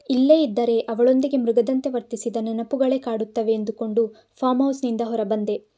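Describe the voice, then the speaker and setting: A woman with a Kannada accent tells a romantic story aloud. Her voice sits a little high but sounds warm and mellow, and she gives both the man's and the woman's lines in her own voice. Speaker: narrator. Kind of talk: expressive audiobook storytelling.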